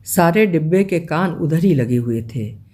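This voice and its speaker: Slow, mellow woman reading a story. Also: low voice, lively intonation. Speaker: story reader.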